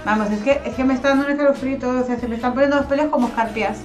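A young woman from Spain in a dance-cover group gushes excitedly while reacting to a music video, repeating herself as she goes. Her voice is high-pitched and very fast, with faint music behind it.

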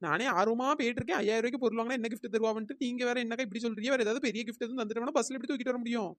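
A woman's voice: a little high, steady tone, no echo, close to an everyday voice. A woman voicing a chatty, cheeky young village woman in a cartoon, arguing back. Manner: rapid, argumentative, talks back. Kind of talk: cartoon dialogue.

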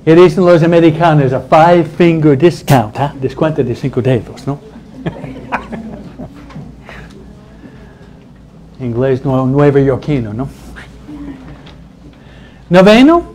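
A priest teaches the commandments to his congregation conversationally and with humor, chuckling at his own jokes and ending nearly every phrase with a questioning "¿no?". His voice is fairly high and a little mellow, with big pitch swings, an extremely slow pace and frequent pauses, heard through a rough recording with some hiss or hum.

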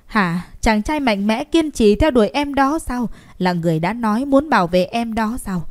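A woman's voice: mid-range voice, normal speed, dark tone, natural voice. A woman voicing a young woman who pleads tearfully with the man she loves in a storybook reading. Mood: distraught. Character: young woman pleading with her sick love.

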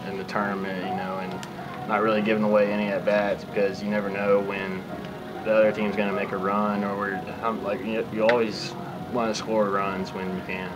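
A man's voice: fairly low pitch, little pitch movement, normal speed, music in the background, poor audio. A young man in his twenties, a college baseball player, giving hesitant answers full of fillers. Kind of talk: postgame press conference.

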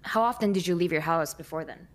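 A woman's voice: on the low side, fast talker. Woman reading out viewer questions. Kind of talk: casual Q&A chat.

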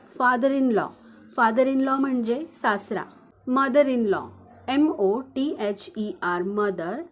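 Slow, careful Marathi woman teacher. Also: on the high side. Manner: slow, careful spelling out of words letter by letter. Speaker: English teacher. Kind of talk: vocabulary lesson.

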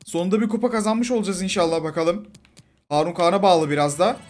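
A man giving casual, excitable live commentary over his own football video game match and talking to the players on screen. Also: high voice, quick pace, faint music behind. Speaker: gaming YouTuber.

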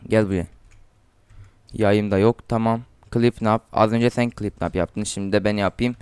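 A Turkish teenage boy, a gaming YouTuber, gives casual gameplay commentary, chatting with viewers, trash-talking opponents, and getting loud and excited during fights. His voice is fairly low, smooth, and at normal speed, recorded dry on a desk mic at his computer.

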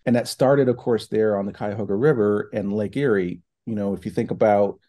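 Mellow-voiced man on a video call. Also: on the low side, brisk. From New Hampshire and Ohio, United States. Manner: thoughtful, many fillers and restarts. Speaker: guest, foundation president. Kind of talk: casual online interview. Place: home office with bookshelves. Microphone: video call from laptop.

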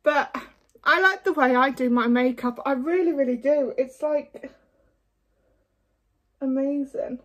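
High-voiced chatty woman, going hoarse. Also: a little slow, long pauses, fairly bright tone. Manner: chatty and frank, with many fillers. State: losing her voice. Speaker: beauty vlogger. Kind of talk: casual makeup tutorial chat.

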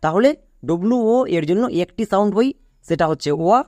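A man's voice: high voice, expressive, quick pace, warm tone, no echo. A man teaching English pronunciation, spelling words out letter by letter and quizzing his students. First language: Bengali. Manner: spells words letter by letter and asks the class questions. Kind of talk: spelling-rule lesson.

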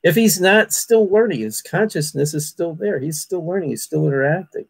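A man's voice: fairly high pitch, lively intonation, normal speed, gravelly, a little mellow, breathy edge, dry recording. A man, a paranormal investigator, telling a long story in a casual, rambling way, repeating words and calling listeners "people". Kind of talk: casual storytelling on a video call.

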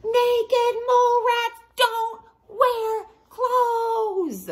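A woman's voice: very high voice, fairly even intonation, very slow, pitched above the performer's own voice, full character voice. A woman voicing a group of scornful, sarcastic naked mole rats, sneering and exaggerated. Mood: exasperated.

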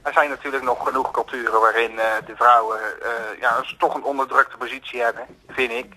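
Bright-toned, rambling male caller. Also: medium pitch, steady tone, fairly quick, poor audio. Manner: hesitant, repeats himself, leans on filler words. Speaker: radio caller. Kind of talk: phone-in chat.

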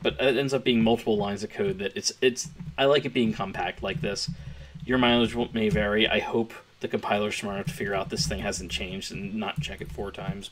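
A man with a hoarse, gravelly voice, thinking aloud as he walks through a coding tutorial. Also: lowish voice, a bit bright, slight background noise. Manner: thinking aloud while typing, chatty. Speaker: programmer streaming a coding tutorial. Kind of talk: casual live-coding walkthrough. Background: keyboard typing.

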